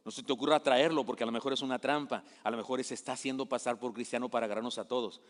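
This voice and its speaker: A man's voice: mid-range voice, fairly even intonation, very fast, long reverb tail, voice pushed down, natural voice. A man voicing a suspicious, combative male apostle who gives an urgent warning.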